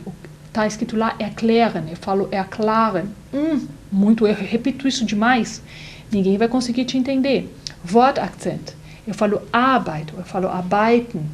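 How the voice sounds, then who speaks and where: A woman teaching exam tips in a chatty, animated way, switching between German examples and her own explanations. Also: fairly high pitch. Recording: faint background noise.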